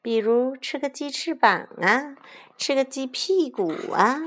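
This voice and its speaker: A woman's voice: high voice, animated, unhurried, a bit bright, voice pushed up, exaggerated voice. A woman voicing a cheeky, scornful little girl in a children's story, mocking and dismissive.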